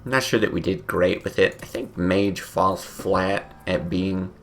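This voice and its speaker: A man's voice: low voice, fairly even intonation, unhurried, fairly bright tone, slight background noise. A sleepy man with his morning voice, casually thinking aloud while playing a card game, with many fillers. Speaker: game streamer. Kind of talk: casual gameplay commentary.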